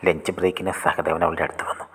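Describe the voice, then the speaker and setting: A man telling a short story in a hushed, half-whispered storytelling style. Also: sits low, flat delivery, fast talker, breathy edge.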